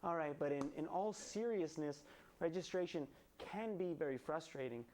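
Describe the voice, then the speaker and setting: A man's voice: fairly high pitch, normal speed, darkish tone, slight background noise. A young man hosting a late-night show, delivering a monologue of punchy topical jokes from a studio stage. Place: student TV studio with painted skyline set.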